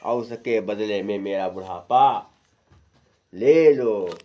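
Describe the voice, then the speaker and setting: A man voicing an aging king who pleads with his son in a low, subdued way. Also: takes it slowly, warm tone. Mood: pleading.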